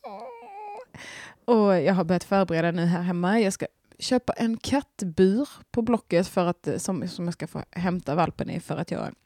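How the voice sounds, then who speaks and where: A woman's voice: fairly low pitch, big pitch swings, creaky, warm tone, dry recording. A young woman, chatting casually as a podcast host, rambling and gushing with lots of fillers and restarts. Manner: giggly, gushing.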